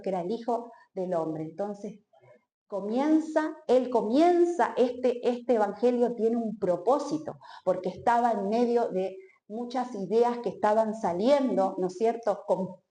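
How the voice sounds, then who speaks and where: Woman preacher, expressive, repeats for emphasis; echoey church hall. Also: fairly high pitch. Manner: expressive, acts out quotes, repeats phrases for emphasis. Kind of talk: sermon.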